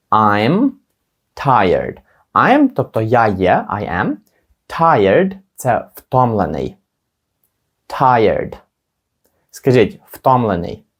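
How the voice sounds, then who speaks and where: Lively male teacher. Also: medium pitch. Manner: slow, drawn-out model phrases between quick explanations. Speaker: English teacher. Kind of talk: language lesson.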